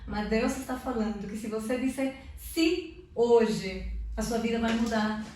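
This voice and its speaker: A woman gives an emotional church testimony as an interview guest, sounding earnest and lively and using tag questions. Her voice is a little high and her pace measured. The room echoes, the mic sits at a distance, and there's a faint hiss or hum.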